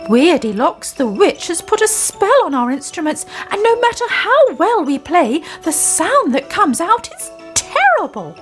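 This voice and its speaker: A woman's voice: extremely high pitch, very animated, a little slow, hardly any pauses, soft background music, voice pushed up, exaggerated voice. A woman voicing a flustered male fiddler who apologises and protests. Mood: apologetic.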